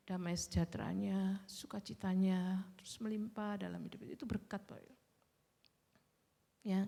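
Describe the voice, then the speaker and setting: A woman's voice: mid-range voice, gravelly, warm tone. A middle-aged woman with an East Javanese Indonesian accent preaching a sermon and speaking often to the congregation, with many filler "ya" in casual, regional speech. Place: church hall. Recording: long hall reverb.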